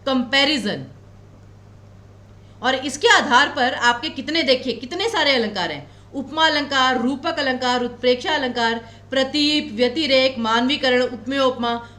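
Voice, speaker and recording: Woman coaching-class teacher, Himachali Hindi accent, reassuring, high animated pitch. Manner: explains patiently, repeats key points slowly; reassuring, tells students not to worry. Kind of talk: exam coaching lecture. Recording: echoey room.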